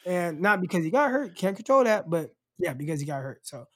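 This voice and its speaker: High-voiced man ranting about football. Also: fairly quick. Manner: animated, ranting, filler-heavy. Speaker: podcast co-host. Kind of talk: casual sports podcast chat.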